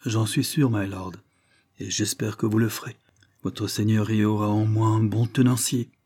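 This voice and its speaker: Bold, respectful-yet-biting tenant, read by a man, low husky voice, Victorian audiobook. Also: steady tone, moderate pace, darkish tone, close to an everyday voice. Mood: insistent. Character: deferential but bold male tenant seeking a lease.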